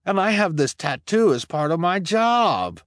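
A man's voice: sits high, sing-song, unhurried, dry recording, studio quality, voice pushed up. A man voicing a terrified accused man who pleads frantically that he is innocent. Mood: frantic. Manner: pleading, panicked.

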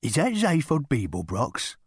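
A man's voice: mid-range voice, huge pitch swings, measured pace, slightly rough, no echo, studio quality, pitched above the performer's own voice, full character voice. A man voicing a giant iguana creature that gossips in a prim way.

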